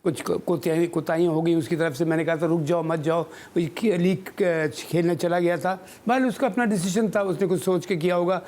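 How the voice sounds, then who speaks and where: A man's voice: high voice, steady tone, normal speed, hardly any pauses, darkish tone. An older man, a former chief selector giving emphatic studio cricket analysis and dropping in English phrases.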